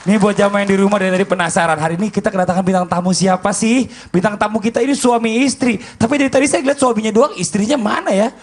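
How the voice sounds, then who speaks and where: A man hosting a religious talk show, thanking the preacher and calling up the guests with loud exclamations. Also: sits high, fast, hardly any pauses. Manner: energetic, exclamatory, hurries guests along. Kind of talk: excited TV hosting.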